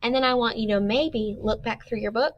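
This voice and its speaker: A young woman leads a reading lesson for small children in a bright, slightly high voice. She talks with upbeat energy and slows right down to read each page aloud. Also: lo-fi sound, slight background noise. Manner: animated, upbeat, slow read-aloud of book lines. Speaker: teacher.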